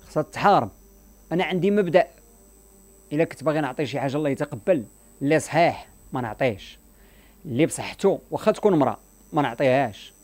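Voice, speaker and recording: Moroccan guy ranting on the radio, fast, repeats himself a lot, kinda high voice. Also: darkish tone. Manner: emphatic, repetitive, moralizing. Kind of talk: impassioned radio talk. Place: radio studio.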